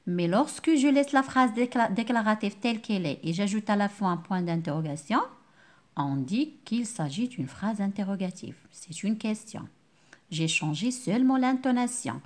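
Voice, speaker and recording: Lively-voiced woman teaching a class. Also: mid-range voice. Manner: explains slowly, repeats key words, asks the class questions. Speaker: primary school teacher. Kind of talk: remote classroom lesson.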